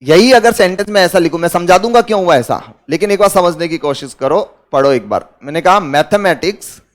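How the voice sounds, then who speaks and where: A man's voice: high voice, animated, normal speed. A man with an Indian accent giving a grammar lecture in a classroom, who asks his students questions and then answers them himself. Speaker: English teacher.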